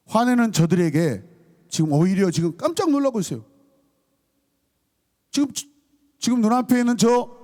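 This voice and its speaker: A man's voice: sits high, darkish tone. A man preaching as a pastor at a Friday night service, calling out questions to the congregation and acting out scolding voices. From South Korea. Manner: calls and responses to the congregation, acts out scolding voices.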